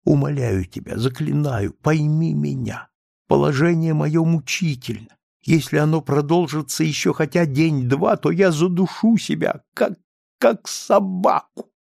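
A man's voice: fairly high pitch, expressive, normal speed, vocal fry, darkish tone, no echo, clean studio sound, voice pushed up. A man reading an audiobook, voicing a desperate young man who pleads urgently with a trembling voice. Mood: pleading, urgent. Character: desperate, agitated young man begging a friend.

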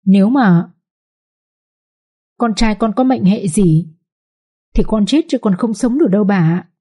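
A woman's voice: mid-range voice, expressive, a little slow, warm tone, breathy edge. A woman voicing a scheming pregnant young concubine who wails and whimpers her complaints. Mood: accusing.

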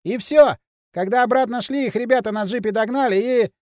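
Give me an excitable, chattering lad, voiced by a male narrator, with a dry close sound. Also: very high voice, brisk, no echo, voice pushed up. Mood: animated. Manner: lively storytelling.

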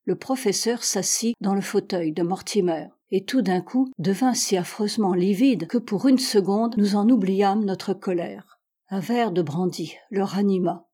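A woman reading a classic mystery story aloud as narrator, in a measured storytelling manner. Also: medium pitch, warm tone, slightly rough. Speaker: audiobook reader. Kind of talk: literary narration.

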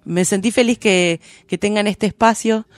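A woman, a guest musician on a radio show, speaking softly and hesitantly. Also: medium pitch, steady tone, normal speed, dry recording. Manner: soft, hesitant, repeating words. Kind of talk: radio interview.

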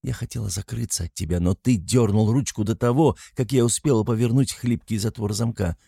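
A man narrating a dramatic story in a steady, measured way. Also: on the low side, creaky, husky, no echo, clean studio sound. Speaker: audiobook narrator.

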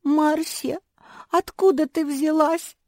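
A woman voicing a hot-tempered youngest pug sister who snaps and shouts in sharp outbursts. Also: mid-range voice, very animated, moderate pace, no echo, studio quality, pitched above the performer's own voice. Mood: panicked.

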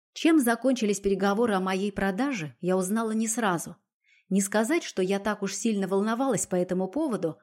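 A woman narrating an audiobook in the first person, with an expressive, dramatic reading. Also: mid-range voice.

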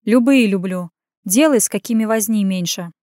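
Woman reading a bearded man, gruff, bossy, teasing, blunt, dry audiobook sound. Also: mid-range voice, moderate pace, mellow, no echo, close to an everyday voice.

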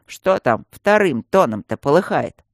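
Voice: mid-range voice, expressive, unhurried, dry recording, studio quality, close to an everyday voice. A reader doing a grumpy old stone guardian. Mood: reproachful. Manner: mumbling, toothless, loud grumbling.

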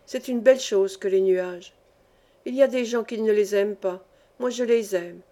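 A woman voicing an old male mine foreman in a storybook reading, steady and reasoning. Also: mid-range voice, normal speed, lightly acted. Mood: dreamy.

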